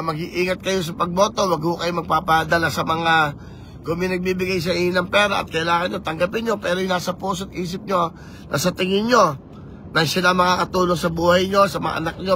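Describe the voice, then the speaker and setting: A man with a raised, rough-edged voice talks into a handheld phone from a moving vehicle. He shifts between languages in an animated, preachy manner. The road noise behind him stays faint. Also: high voice, fairly quick. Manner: animated, code-switching, preachy. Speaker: vlogger campaigning for office. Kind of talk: live vlog chat.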